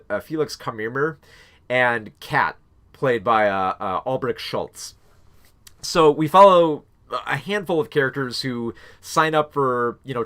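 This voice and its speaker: A man's voice: medium pitch, fairly bright tone. A man giving a casual spoken film review, rambling with many fillers and restarts.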